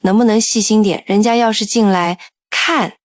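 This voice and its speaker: A woman voicing a scornful, sharp-tongued older mother-in-law in an audiobook drama, with a scolding, impatient manner. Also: mid-range voice, fairly even intonation, normal speed, dry recording, studio quality, natural voice.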